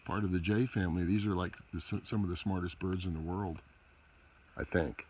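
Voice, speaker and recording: A man with a gravelly voice gives unhurried, casual wildlife commentary outdoors as a vlogger, pausing in the middle of his sentences. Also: low voice, fairly even intonation, darkish tone. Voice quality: gravelly, creaky. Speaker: outdoor vlogger, channel host. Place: outdoors on a snowy mountain roadside. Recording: muffled outdoor phone audio, clear background noise.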